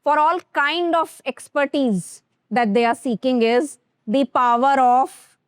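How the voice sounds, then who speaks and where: A woman's voice: sits high, extremely slow, smooth, dry recording, studio quality. A woman with an Indian accent teaching a grooming workshop to students in a classroom, switching between Hindi and English and addressing them directly.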